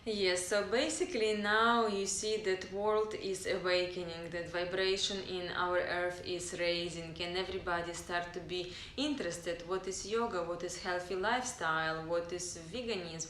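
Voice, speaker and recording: A woman's voice: fairly low pitch, steady tone, normal speed, hardly any pauses, fairly bright tone, slight background noise. Giggly woman, English, echoey. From Ukraine. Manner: giggly, searching for words, non-native phrasing. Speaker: yoga teacher and live stream co-host. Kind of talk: casual live stream chat.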